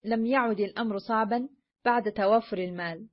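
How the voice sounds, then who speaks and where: A woman reading a story aloud as narrator, in an even, measured way. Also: a little high. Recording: dull lo-fi recording.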